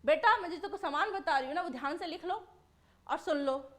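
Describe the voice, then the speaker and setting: An impatient, nagging mother scolds her child, as a woman teacher puts her on. The voice sits high and sounds close to the teacher's everyday speech. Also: fairly quick, a bit bright. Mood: scolding.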